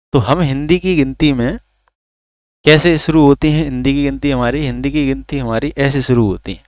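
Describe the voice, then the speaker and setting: एक आदमी, जो रिकॉर्ड की गई ऑनलाइन क्लास पढ़ाता है, खुद सवाल पूछकर खुद जवाब देता है और स्वरों को खींचकर बोलता है।. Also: male voice, medium pitch, clean tone, no room sound, clean studio sound. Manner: asks questions then answers them himself; drags out vowels to demonstrate. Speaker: teacher. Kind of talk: recorded online lesson.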